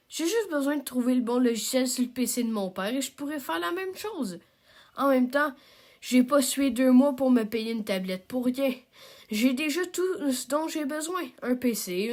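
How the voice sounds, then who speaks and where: In a high voice with a darkish tone, a young amateur animator with a Québécois French accent chats casually about her cartoon. It's loose self-narration and an outro, peppered with fillers and jokes at her own expense.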